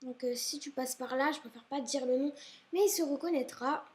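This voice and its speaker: High-voiced chatty young woman. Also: fairly quick, a little mellow. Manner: chatty and rambling, often apologizing. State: slightly ill, maybe stuffy nose. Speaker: vlogger. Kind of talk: casual chat showing school supplies. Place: at home, indoors.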